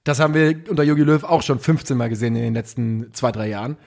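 Ein Mann, der als Co-Host locker und begeistert über Fußball plaudert, mit lässigem Slang. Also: male voice, mid-range voice, fast, creaky, darkish tone. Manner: enthusiastic, slangy, self-deprecating. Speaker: podcast co-host. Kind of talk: casual football chat.

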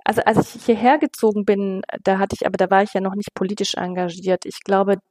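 A local politician in her fifties from western Germany talks as an interview guest, thoughtful and conversational as she searches for the right words. Her medium-pitched voice is level, quick and a little mellow, with no echo.

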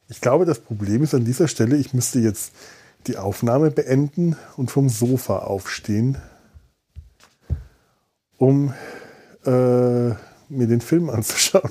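A podcast host talks from an indoor sofa in a warm, husky, mid-range voice. The casual solo monologue wanders, and he seems to think aloud hesitantly, with wry, self-deprecating humor.

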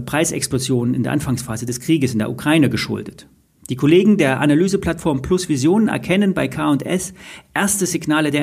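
Male financial podcast host, husky and creaky, slightly high pitch, scripted commentary. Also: darkish tone.

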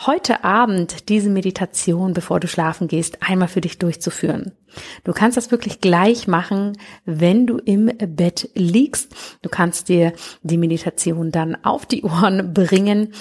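A woman's voice: lowish voice, darkish tone, breathy edge. A woman hosting a podcast, introducing the episode and addressing the listener in a personal, encouraging way. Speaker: podcast host.

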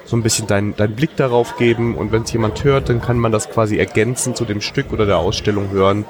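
A man's voice: fairly low pitch, steady tone, fast. A man hosting a podcast interview, asking loose questions full of fillers. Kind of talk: casual interview. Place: busy hacker congress hall. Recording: crowd noise of a busy venue. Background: crowd chatter.

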